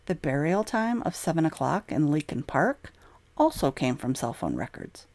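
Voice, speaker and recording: A woman giving scripted true crime narration in an emphatic, expressive way. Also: fairly low pitch, no room sound.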